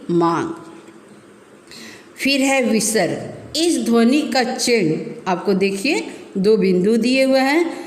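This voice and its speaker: Slow-spoken woman teacher in an echoey room. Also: a little high, a little hiss or hum. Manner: slow explaining, repeats terms, addresses children. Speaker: school teacher. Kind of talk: recorded grammar lesson for children. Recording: echoey room with long reverb.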